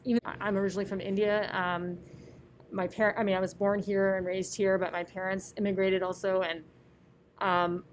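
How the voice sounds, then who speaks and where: A young woman interviews a guest in an upbeat, friendly manner, with a voice of middling pitch. A low hum of room ambience sits faintly behind her. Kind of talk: conversational interview.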